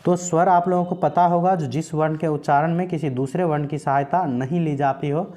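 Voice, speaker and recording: A man teaching a grammar lesson patiently, asking questions and answering them himself, stretching single sounds out slowly as he names them. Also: fairly high pitch, fairly even intonation, dark tone. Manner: patient, repeats points, asks and answers his own questions.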